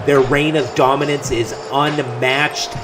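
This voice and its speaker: A man calling play-by-play commentary on wrestling matches in a video game, with an energetic calling style and music playing behind. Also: medium pitch, takes it slowly.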